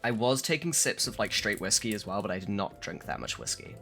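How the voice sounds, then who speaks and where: A hungover man streaming a game, chatting casually and haltingly with some swearing, his voice a little rough. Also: lowish voice, big pitch swings, sharp tone, soft background music. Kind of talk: casual livestream chat.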